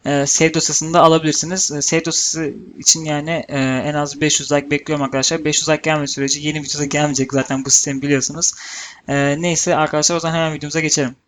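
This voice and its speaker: Fast-talking man hosting a game video. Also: fairly high pitch, little pitch movement, a bit bright, a little hiss or hum. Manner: chatty, talks fast, frequent filler "e". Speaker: gaming channel host. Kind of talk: casual let's-play chat.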